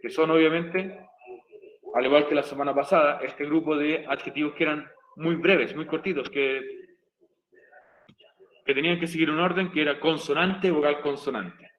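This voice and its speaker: A man's voice: on the high side, steady tone, moderate pace, muffled recording. A male English teacher, patiently explaining grammar step by step in a recorded online class. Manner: patient, repeats and spells out each step.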